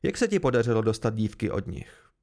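A man doing a gruff, suspicious village mayor. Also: fairly low pitch, very animated, darkish tone, pitched below the performer's own voice. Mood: angry. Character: gruff middle-aged village mayor, suspicious, quick to anger. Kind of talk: amateur audiobook reading.

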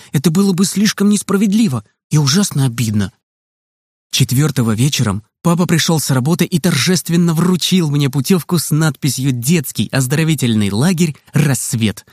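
Man narrating a children's story, slightly high voice, lively telling, dry close sound. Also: a little fast, husky, no echo.

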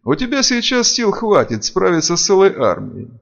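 A man voicing a stern male dark mage lord who speaks in a commanding, cutting way. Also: high-pitched, wildly swooping pitch, moderate pace, vocal fry, pitched above the performer's own voice, heavily acted. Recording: dull lo-fi audio.

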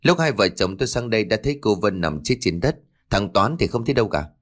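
A shaken older neighbor blurts out short, blunt sentences, read by a male narrator. His voice is low and quick, and he stammers under the shock. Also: expressive.

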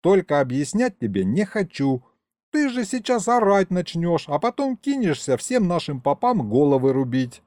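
A man's voice: on the high side, sing-song, normal speed, a little mellow, no room sound, studio quality, voice pushed up. A man voicing a kindly, folksy old grandfather who talks in an old-fashioned, coaxing way.

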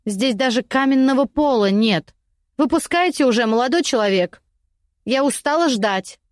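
Audiobook: a woman voicing a haughty imprisoned noblewoman, high, shrill and mocking, dry close sound. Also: expressive, normal speed, dry recording. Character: scornful, desperate imprisoned aristocratic lady. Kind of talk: audiobook character voice.

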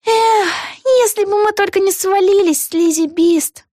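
A woman doing a high, eager young witch girl. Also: normal speed, no room sound, studio quality. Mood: urgent. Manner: high, lively, urgent. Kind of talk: audiobook character voice.

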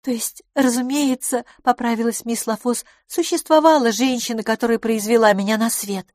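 A woman voicing a bubbly young woman, high gushing voice, animated, dry audiobook sound. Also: a little fast, dry recording, lightly acted.

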